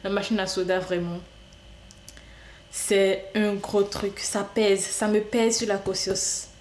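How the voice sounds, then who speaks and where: A woman chats her way through a game in a playful, talkative manner, addressing the on-screen customers as if she were really serving them. Her voice sits at a middling pitch, and the recording carries a noticeable room echo. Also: level tone, takes it slowly, a little mellow, a little hiss or hum. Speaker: gaming video creator. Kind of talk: casual gameplay commentary. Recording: echoey room.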